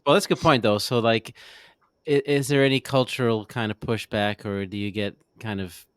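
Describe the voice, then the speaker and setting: Low-voiced male host, very dry sound. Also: steady tone, moderate pace, clear, resonant tone, dry recording. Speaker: host asking questions. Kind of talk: casual interview.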